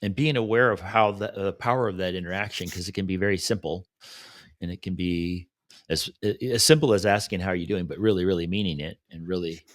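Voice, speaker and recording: A man's voice: low voice, brisk, no echo, clean studio sound. A man co-hosting a podcast in casual chat, reflective and affirming, often adding "right?". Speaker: podcast co-host.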